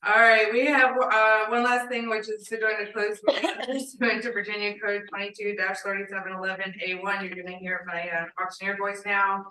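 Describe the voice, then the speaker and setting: Bright woman chairing a meeting. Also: medium pitch, level tone. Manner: brisk, procedural. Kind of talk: running a public meeting. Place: council chamber. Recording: echoey hall, far from mic.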